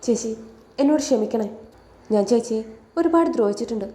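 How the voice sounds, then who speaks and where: A woman's voice: on the high side, animated, brisk, dark tone, close to an everyday voice. A woman voicing a remorseful young man who pleads for forgiveness, in an echoey room. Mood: pleading.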